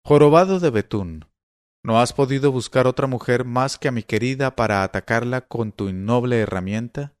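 A man voicing a menacing male efrit spirit in a storybook reading, giving orders slowly and sternly. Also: on the low side, animated, no room sound, clean studio sound, close to an everyday voice. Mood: threatening.

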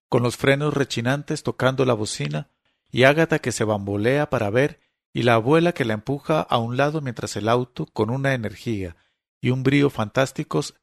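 A man narrating an audiobook in a steady, dramatic storytelling manner. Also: mid-range voice, gravelly, no echo, studio quality.

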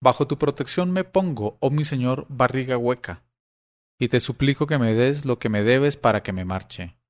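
A man voicing a poor fisherman in a storybook reading. He speaks slowly, with a drawn-out, sarcastic tone. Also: medium pitch, darkish tone, close to an everyday voice. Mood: mocking. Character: mocking poor fisherman, middle-aged man. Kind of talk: audiobook character reading.

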